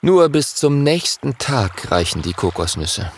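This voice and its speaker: A man reading a children's story aloud in a lively, expressive way. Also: mid-range voice, unhurried, no echo.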